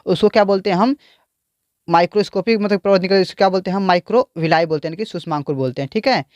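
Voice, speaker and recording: A man's voice: high voice, rapid-fire, dry recording, lo-fi sound. A man teaching biology, explaining a diagram and repeatedly asking the class questions.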